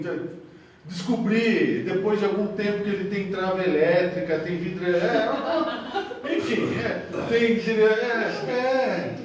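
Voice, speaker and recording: A man's voice: high voice, heavy reverb. A man leading a group lesson, explaining with everyday examples and hesitant fillers, recorded on a camera mic from a distance. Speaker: discussion leader, teacher. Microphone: camera mic, speaking from a distance.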